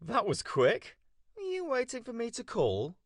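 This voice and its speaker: A man's voice: very high-pitched, huge pitch swings, measured pace, very noisy, heavily acted. A man playing an easygoing, flirtatious male friend in a story game, teasing and casual. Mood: flirty, eager. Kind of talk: scripted game story dialogue.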